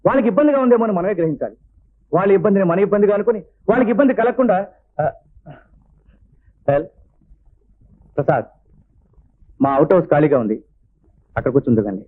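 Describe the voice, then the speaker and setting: An actor playing a kindly company boss who is firm and clipped, mixing in English, in a 1970s film. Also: male voice, high-pitched, sing-song, fast talker, pauses often. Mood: persuading. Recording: tinny lo-fi old film soundtrack with faint music.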